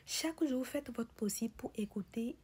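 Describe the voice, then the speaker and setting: Female motivational speaker, very husky and whispery, mellow tone, insistent questions and refrains. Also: fairly high pitch, moderate pace. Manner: whispery, breathy delivery. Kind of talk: motivational speech.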